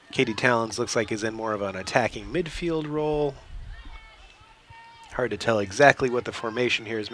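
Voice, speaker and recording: Hoarse with a cold and pitched lowish, a man provides chatty, steady play-by-play commentary for a live soccer match on an outdoor field. He's relaxed throughout, though he clears his throat and makes small restarts, and a little hiss or hum runs under the audio.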